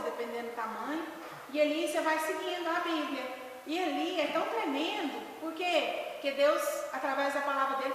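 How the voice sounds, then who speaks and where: A woman's voice: high voice, a little hiss or hum. A woman pastor teaching a discipleship class informally, telling anecdotes and often checking in with her listeners. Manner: lively storyteller, often asks "né?". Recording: echoey hall, distant mic.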